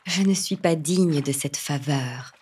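A woman's voice: low voice, takes it slowly, a little mellow, breathy edge, recorded from a distance, heavily acted. A woman voicing a fearful young peasant boatwoman who pleads in a trembling, whispery voice. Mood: pleading.

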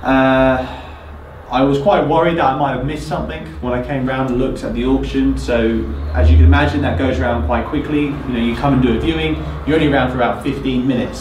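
A man's voice: medium pitch, darkish tone, a little hiss or hum. A man in his thirties from the UK, casually walking through an empty house he is renovating and thinking aloud with lots of ums. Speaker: property renovator. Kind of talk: casual walkthrough vlog. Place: empty house, bare indoor rooms. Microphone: camera mic at a distance. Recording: echoey empty rooms, slightly distant mic.

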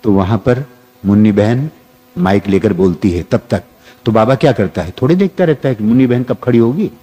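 A man giving a spiritual discourse as a teacher, speaking deliberately with long pauses. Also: fairly low pitch, expressive, mellow.

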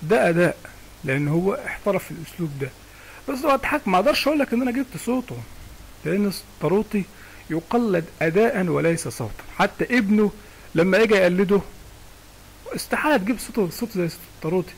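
Egyptian male recitation teacher, gravelly and quick, casual and digressive. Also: high voice, lively intonation, rough recording. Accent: Egyptian Arabic. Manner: chatty, digressive, often asks "understand me?". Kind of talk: casual spoken lesson with sung recitation examples.

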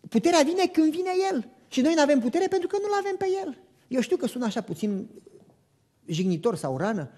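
A male pastor preaching a sermon in church, animated, asking the congregation rhetorical questions and acting out dialogue as he tells stories. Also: extremely high pitch. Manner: acts out dialogue in lively storytelling.

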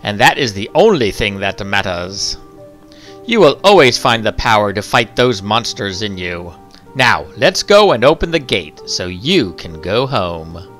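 A man voicing a kindly, fatherly skeleton man in a game let's-play, soft and comforting. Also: lowish voice, big pitch swings, unhurried, faint music behind, pitched below the performer's own voice.

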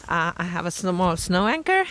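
A woman in her thirties with an Estonian accent talks casually and candidly to a camera held at arm's length in a forest clearing. Her voice is on the low side yet fairly bright, with big pitch swings at normal speed, and her vlog is full of fillers and self-mocking asides.

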